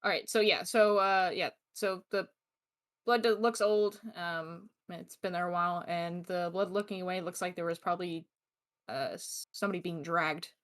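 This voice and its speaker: A woman's voice: on the low side, fairly even intonation, moderate pace. A woman narrating as game master for a tabletop game, hesitant and full of fillers.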